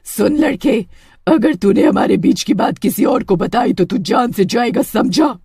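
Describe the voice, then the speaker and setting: A woman's voice: mid-range voice, expressive, unhurried, creaky, dark tone, slightly rough, full character voice. A woman voicing a cackling vengeful witch. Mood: menacing. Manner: menacing threats with cackling laughs. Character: vengeful female witch spirit, fierce and threatening. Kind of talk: storybook horror voice acting.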